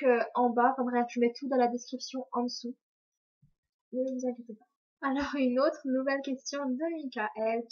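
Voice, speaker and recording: A woman's voice: high voice, darkish tone. Rambling young woman on lo-fi webcam. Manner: rambling and self-mocking, trips over words. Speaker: vlogger answering viewer questions. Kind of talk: casual chat to camera.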